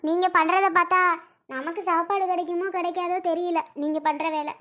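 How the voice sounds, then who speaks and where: A woman's voice: extremely high pitch, little pitch movement, a little fast, fairly bright tone. A woman playing a pleading, self-blaming mother in an amateur family drama skit. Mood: scolding. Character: pleading mother, wife of a failed son.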